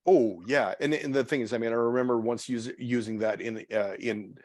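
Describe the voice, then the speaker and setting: Halting man leading a church study. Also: mid-range voice, darkish tone, dry recording, clean studio sound. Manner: halting, many restarts and repeated words. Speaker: pastor leading a study group. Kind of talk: casual group discussion. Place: church meeting room.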